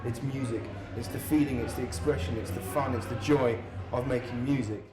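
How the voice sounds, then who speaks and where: A man's voice: medium pitch, fairly even intonation, fairly quick. A man speaking earnestly and reflectively in an interview. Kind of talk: interview talk. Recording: echoey room with music behind.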